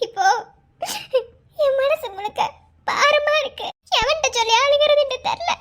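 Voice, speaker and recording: A woman voicing a sharp-tongued young village wife in a cartoon, with a Madurai Tamil accent and a mocking, laughing way of talking. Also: extremely high pitch, moderate pace. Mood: tearful. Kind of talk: cartoon voice acting.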